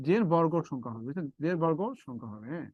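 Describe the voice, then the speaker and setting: A man's voice: fairly high pitch, animated, fast, no echo, highs cut off. Casual: male math teacher, bouncy up-and-down voice, keeps asking "how much here?". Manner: repetitive, quizzing students, talking through sums. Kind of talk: live online math lecture.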